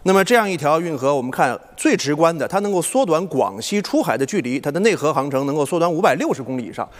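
A man's voice: on the high side, sing-song, fast talker, big-room sound. A man presenting live as a formal news anchor, explaining point by point. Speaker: news programme host. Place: live television studio.

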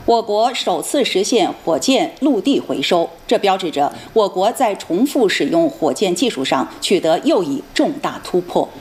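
A woman anchoring television news in standard mainland Mandarin, reading a script formally and authoritatively with crisp articulation. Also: lowish voice, very animated, normal speed, few pauses, a little mellow.

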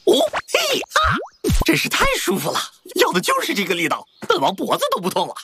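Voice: sits high, huge pitch swings, brisk, gravelly, pushed and bright, full character voice. An actor playing a pompous, whiny, self-indulgent monkey king in a children's cartoon, with dramatic exclamations. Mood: delighted. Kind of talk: animated children's cartoon acting.

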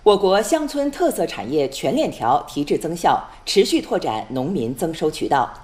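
A woman's voice: low voice, very animated, moderate pace, a little mellow. A woman reading scripted news as a formal Chinese news anchor, composed and precisely enunciated in standard mainland Mandarin.

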